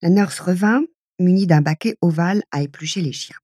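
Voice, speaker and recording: Audiobook reader: woman, low, mellow and husky, measured storytelling, dry close studio sound. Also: dry recording. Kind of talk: literary audiobook narration.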